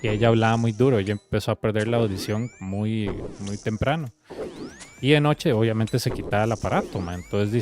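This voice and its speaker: Rambling Costa Rican streamer, casual. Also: male voice, lowish voice. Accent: Costa Rican Spanish. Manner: loose, rambling storytelling with frequent swearing. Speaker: game streamer. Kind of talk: casual chat with viewers while playing.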